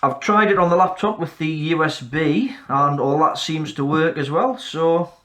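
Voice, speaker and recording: A man hosting a repair channel, calmly walking through a fix in a casual, matter-of-fact way and counting off mic checks. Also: on the high side, normal speed.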